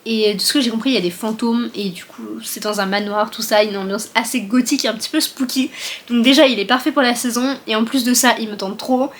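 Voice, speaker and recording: A young woman with a fairly high voice talks straight to the camera in a casual book chat. She rambles, corrects herself and fills pauses with little hesitations. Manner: chatty, rambling with many fillers and self-corrections. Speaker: book vlogger.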